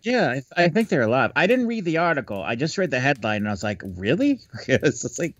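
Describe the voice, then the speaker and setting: A man guests on a podcast and rambles in a laid-back way, full of fillers. His pitch moves about a lot. The call audio sounds dry and dull. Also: expressive, fast, fairly bright tone, no room sound. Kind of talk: casual chat.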